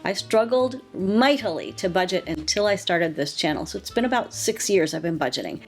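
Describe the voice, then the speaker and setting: A woman in her sixties hosting her own channel, talking to camera in an earnest, gently encouraging way. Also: lowish voice, animated, fairly quick, soft background music. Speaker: lifestyle channel host. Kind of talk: casual talk to camera.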